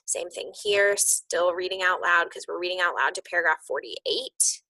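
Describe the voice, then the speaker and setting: Explaining lesson plans to fellow teachers, a female coach keeps things casual and conversational. She speaks at a moderate pace in a lowish, sharp-toned voice, captured without echo in a rough recording.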